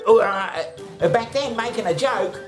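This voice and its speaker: Aussie bloke ranting, swears a lot, laughs, lots of uh, music behind. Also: male voice, high-pitched, animated, normal speed. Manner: blunt and sweary, full of fillers and laughter. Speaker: commentator on the show. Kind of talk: casual comic rant.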